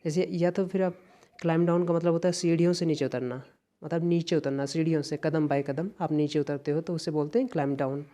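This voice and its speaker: Speaking fast in a warm, steady voice that leans high, this man with an Indian accent runs an exam-prep English lesson. He explains things patiently and keeps repeating the key phrases.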